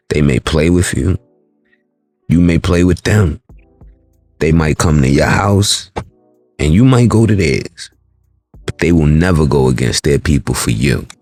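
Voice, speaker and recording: A man's voice: a bass voice, gravelly, no echo. A man from New York City hosting his channel, giving blunt, reflective commentary and telling stories. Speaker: channel host. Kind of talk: commentary monologue.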